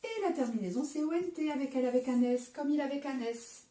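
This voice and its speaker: A woman's voice: sits high, fast talker, dark tone, echoey room. A woman teacher with a French accent, giving a recorded lesson to young children, patiently spelling out word endings letter by letter. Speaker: primary school teacher. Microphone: camera some distance away.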